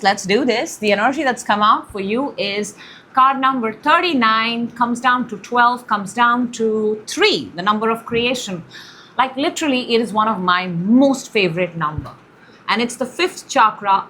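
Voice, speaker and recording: A young woman hosting a casual tarot reading at home, excitable and gushing, with loud bursts and soft murmurs. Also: a little high, slight background noise. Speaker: tarot reader, channel host. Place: room in her home.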